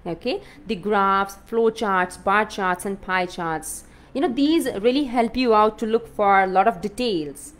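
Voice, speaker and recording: A woman's voice: mid-range voice, measured pace, few pauses. A woman with an Indian English accent teaching an exam-prep lesson, constantly checking in with "okay?" and "fine?". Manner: lively up-and-down teaching voice. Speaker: IELTS coach.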